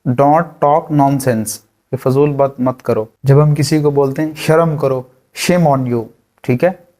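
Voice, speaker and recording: A man teaching spoken English, repeating each phrase slowly word by word. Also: mid-range voice, fairly even intonation, warm tone. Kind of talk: language lesson with slow drilled repetition.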